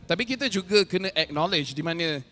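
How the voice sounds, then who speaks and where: Bright-voiced Malaysian man casting esports. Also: sits high, lively intonation, quick pace. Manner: casual, colloquial phrasing mixed with English game terms. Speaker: esports commentator. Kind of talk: live match analysis and commentary.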